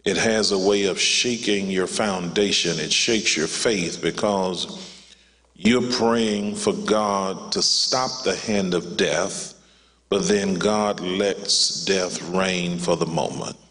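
A man preaching a funeral sermon as pastor, calling his listeners "child of God" and building to a high, excited pitch. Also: slow. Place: church sanctuary. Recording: long church reverb.

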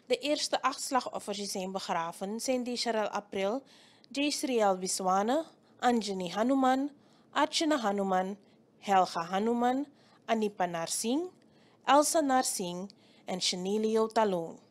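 A woman reporter giving a measured news voice-over, reading out names slowly. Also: mid-range voice, lively intonation.

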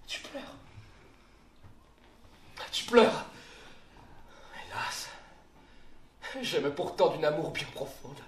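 A man plays a despairing young outlaw lover, pouring out rhymed verse with breathy intensity. His fairly high voice rings through a roomy theatre, heard from a distance over a faint hiss. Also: expressive, very slow, long pauses. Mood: passionate. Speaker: stage actor. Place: theatre stage. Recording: echoey stage, distant mic, faint hiss.

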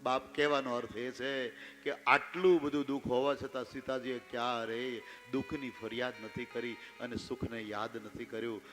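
With faint music in the background, a Ram Katha preacher with a Gujarati accent gives a devotional sermon with sung verses, narrating expressively and speaking directly to the audience. His voice is medium-pitched and fairly bright, steady in tone, at a moderate pace.

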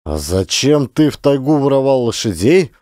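A man voicing a gruff, stern rural police officer who barks loud demands. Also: medium pitch, sing-song, moderate pace, no echo, studio quality, lightly acted.

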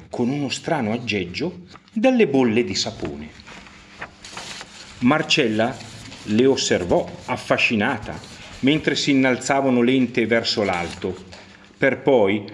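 A man narrating a children's fairy tale, expressive, with rising swells and slowed emphasis. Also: a little hiss or hum. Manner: expressive storytelling with pitch swings and slowed emphasis. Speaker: storyteller.

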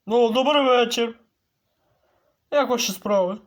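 A man giving casual gameplay commentary, excitable and cursing, yelling at the creatures in his game. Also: extremely high pitch, a little slow. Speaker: let's play gamer.

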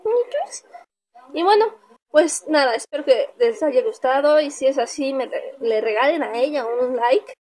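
A woman's voice: high voice, moderate pace, a little mellow. A young woman with a Mexican Spanish accent, casually chatting in a pet vlog and cooing at her dog. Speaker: vlogger.

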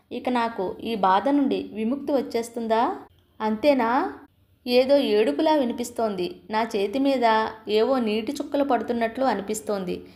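A woman narrating an audio story in the first person, reading slowly and earnestly before closing with a note to her listeners. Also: on the high side.

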